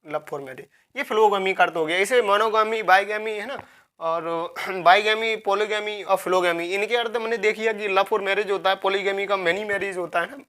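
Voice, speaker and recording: A woman's voice: medium pitch, steady tone, moderate pace, a bit bright. A woman teaching a vocabulary lecture, repeating key words, asking herself questions and spelling words out letter by letter.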